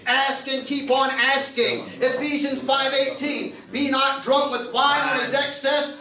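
A man preaching a fiery revival sermon at a pulpit microphone, quoting scripture in old King James wording and rising into shouts. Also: very high voice, flat delivery, unhurried, reverberant, recorded from a distance, low-quality recording.

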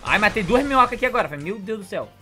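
A man's voice: high voice, expressive, racing, pushed and bright, soft background music. Hyped young man commentating a game. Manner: hyped, slangy, keeps addressing viewers as family. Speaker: gaming youtuber. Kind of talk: excited live gameplay commentary. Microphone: headset.

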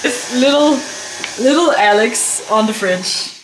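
A chatty young woman narrating her own vlog, giggling and talking straight to her viewers. The recording carries steady background noise, with traffic and street sounds behind her. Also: on the high side, slow. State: out of breath while walking. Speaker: vlogger. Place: indoors at home, then walking outdoors in a city.

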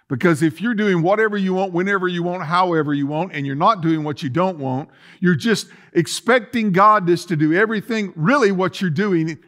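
In a high, somewhat bright voice, a middle-aged man preaches as pastor, pressing his points with emphasis, repetition, and rhetorical questions. The sermon was recorded in a church sanctuary where the chairs sit empty.

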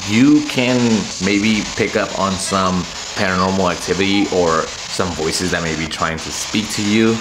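This young male travel vlogger has a low-pitched voice and chats casually as he wanders a hotel room and its hallways, half-joking with a nervous edge. He holds the camera at arm's length. The room echoes with faint ambience, and the background is noisy.

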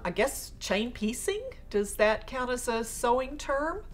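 A middle-aged woman answering interview questions in a relaxed, self-deprecating way with frequent laughs, in a studio. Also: a little high, unhurried, soft background music. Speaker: quilting industry guest. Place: studio with quilt backdrop.

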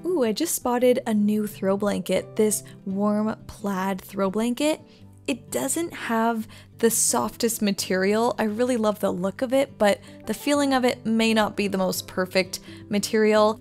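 A woman's voice: mid-range voice, normal speed, darkish tone, soft background music. A young adult woman and interior designer giving upbeat, enthusiastic voice-over about home decor finds. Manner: upbeat, enthusiastic product commentary. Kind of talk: voice-over shopping narration.

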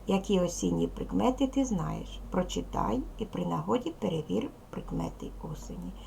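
A woman with a strongly gravelly, fry-heavy voice teaches a recorded lesson to young children. She speaks with a Ukrainian accent and explains each step slowly and deliberately. A faint hiss of noise sits under her voice. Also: fairly low pitch, expressive, warm tone. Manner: slow, careful, deliberate explanation to young pupils. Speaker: primary school teacher.

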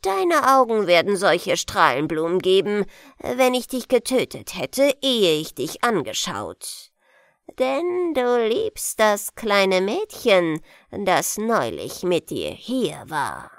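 Brief: gloating evil old wizard, read by a woman, lively swooping pitch, slow, storybook. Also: dry recording, studio quality, full character voice. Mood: sinister coaxing. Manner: slow, gloating, hushed in places. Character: evil old male wizard luring children. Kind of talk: bedtime fairy tale reading.

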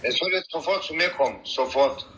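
A man talking over a phone on loudspeaker, curt and demanding. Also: fairly high pitch, lively intonation, a little fast, slight background noise, poor audio. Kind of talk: casual phone call.

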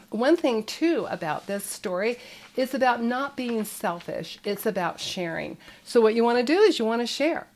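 An older woman hosts a parenting show indoors, speaking to camera in a friendly storytelling manner with shelves of children's books behind her. Her medium-pitched voice is a little mellow.

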